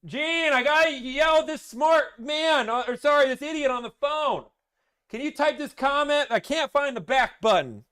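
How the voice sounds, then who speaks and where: A man putting on a flustered old man's voice, yelling shrilly and in a panic for his friend. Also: very high voice, moderate pace, voice pushed up. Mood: panicked yelling.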